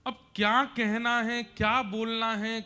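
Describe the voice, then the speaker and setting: A man narrating devotional scripture stories with dramatic, emotive delivery. His voice is high and bright, with faint devotional music playing behind him. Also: level tone, slow. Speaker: religious storyteller.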